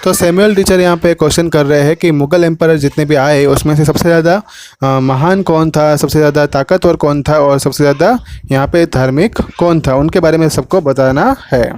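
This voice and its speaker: A man with a Gujarati accent teaches a lesson and retells a story at length. His voice is smooth and clear and sits a little high for a man. He drops into the characters' lines as he narrates them. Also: brisk, darkish tone, no room sound. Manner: retells the story in Hindi with English words, acting out quotes.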